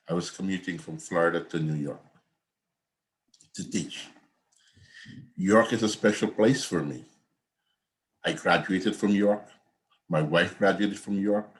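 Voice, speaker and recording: Speaking from home on a video call, this older man from Guyana teaches accounting in a loose, conversational lecture full of repetition and digressions. His voice sits low.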